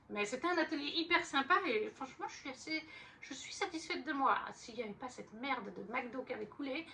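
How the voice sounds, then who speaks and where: A woman's voice: on the high side, bright, forceful tone, a little hiss or hum. Chatty woman, mic at a distance. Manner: chatty, rambling, with many fillers and restarts. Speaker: book vlogger. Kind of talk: casual chat.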